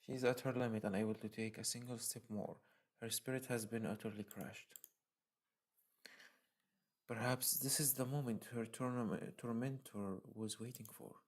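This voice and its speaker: A man's voice: mid-range voice, steady tone, normal speed. A man reads a horror visual novel aloud on his stream, lingering over the narration. He breaks into emotional outbursts between passages, in an ordinary mid-range voice. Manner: dramatic reading mixed with emotional outbursts. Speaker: game streamer.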